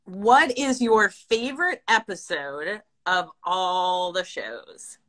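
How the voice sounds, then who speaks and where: A woman hosts a phone live stream, her voice bright and forward. She keeps things upbeat while she reads viewer questions aloud. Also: on the low side, lively intonation, takes it slowly. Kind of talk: casual live-stream chat. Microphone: phone on a video live stream.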